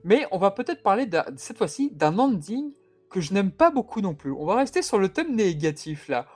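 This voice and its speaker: A man co-hosting a casual podcast chat, animated and teasing, often restarting his sentences. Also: high-pitched, moderate pace.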